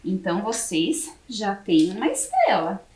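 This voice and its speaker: A Brazilian woman teacher with a Brazilian Portuguese accent, leading a word game for young children on a TV lesson and slowly spelling each word letter by letter. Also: medium pitch, wildly swooping pitch, a little mellow, roomy sound, far from the mic. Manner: slow, spelling words letter by letter. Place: classroom studio for educational TV.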